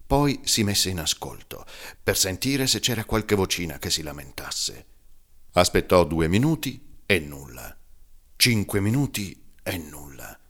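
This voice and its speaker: A man reads a children's storybook aloud in an expressive narrating manner. His voice is very low yet swings widely in pitch to carry the tale. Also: measured pace. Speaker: audiobook narrator. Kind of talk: scripted narration.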